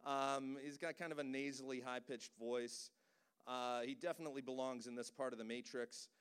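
A man with a smooth, resonant voice at a middling pitch, talking about cartoon villains at a live cinema event. He is chatty and enthusiastic and slips jokes in as he goes. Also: steady tone, normal speed, a bit bright. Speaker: voice director giving a presentation. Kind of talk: live pop-culture talk.

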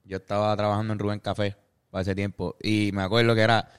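A man with a Puerto Rican Spanish accent talks loosely with friends, trading stories and slang with easy laughs. His voice is smooth and clear, caught up close on a dry, close mic. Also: on the low side, little pitch movement, quick pace, no room sound. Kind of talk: casual chat.

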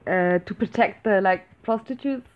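A woman's voice: medium pitch, moderate pace. A woman from England, co-hosting a casual chat and hedging her points with many "like"s. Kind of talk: casual conversation. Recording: dull lo-fi audio.

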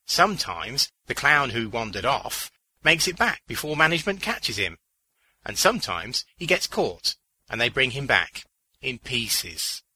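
A man voicing a sardonic, resourceful male clown with a dry, deadpan delivery. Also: medium pitch, a little slow, husky, no room sound, voice pushed up, exaggerated voice, poor audio. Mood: wry.

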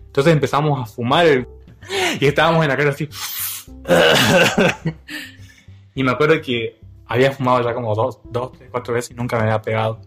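Young man with an Argentine accent, animated. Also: mid-range voice, normal speed, soft background music. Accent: Argentine Spanish. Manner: animated, laughs often, acts out quotes. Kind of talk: casual storytelling chat.

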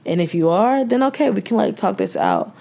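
A young woman from the American South with a Southern accent, co-hosting a casual podcast from home, talking frankly with cursing and quick restarts. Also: mid-range voice, huge pitch swings, creaky, mellow. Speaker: podcast co-host. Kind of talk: casual chat. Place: home room, remote recording.

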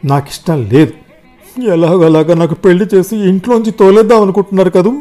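Storybook role: a hot-headed, stubborn young graduate woman, raised and sharp-edged, as a male narrator puts her on. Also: high-pitched, steady tone, brisk, faint music behind, pitched above the performer's own voice, lightly acted. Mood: sulking. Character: young female graduate, quick-tempered and stubborn.

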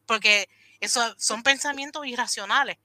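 Bright higher-voiced woman, dry sound. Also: moderate pace, no room sound. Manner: earnest, explanatory, rephrases often. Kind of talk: casual conversation.

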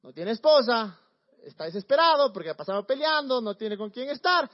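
A man preaching in a casual storytelling way, slangy and animated, often repeating words. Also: very high-pitched, brisk, lo-fi sound.

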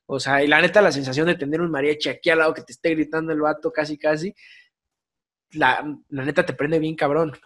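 A young Mexican man chats as a podcast host in fast, slang-heavy speech, with a voice sitting a little high for a man. He tells his stories with animated energy. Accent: Mexican Spanish. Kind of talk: casual chat.

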